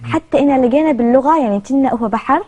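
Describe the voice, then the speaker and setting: A woman's voice: high voice, very fast, a little mellow. A woman raised in Kuwait by Chinese-speaking parents, answering interview questions conversationally in a Kuwaiti Gulf Arabic accent. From Kuwait, raised there. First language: Chinese, spoken with her parents. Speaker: interview guest.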